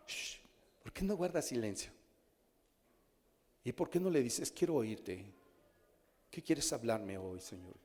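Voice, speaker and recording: A man's voice: medium pitch, mellow. A man with a Mexican accent preaching a sermon as pastor, talking to the congregation in a conversational way and often asking them questions. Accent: Mexican Spanish. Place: church hall. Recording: church hall with long reverb.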